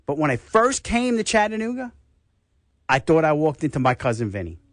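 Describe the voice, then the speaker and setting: An older man with a New York accent, hosting a radio health talk show and telling stories in a casual, animated way. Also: on the high side, a little fast, no room sound, clean studio sound. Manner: animated storyteller, acts out voices.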